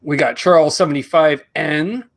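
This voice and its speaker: He's a middle-aged Canadian-accented host on a laid-back live stream, joking and wandering off topic while reading names aloud. His voice is fairly high and creaky at a moderate pace, and it's giving out on him, with coughing.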